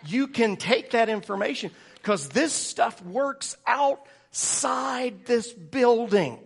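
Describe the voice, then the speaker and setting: A pastor, telling funny stories and laughing often. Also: male voice, very high voice, lively intonation, slow, gravelly, slightly rough. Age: 40s. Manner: joking, storytelling, laughing often. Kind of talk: sermon.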